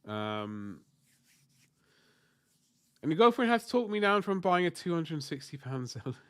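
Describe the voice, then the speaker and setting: Painting miniatures on a livestream, a man fighting the flu, nose stuffed and throat sore, chats casually about viewer comments. His fairly high, fairly bright voice is clean, unhurried, and full of big pitch swings. His talk rambles, doubles back on itself, and includes mild swearing.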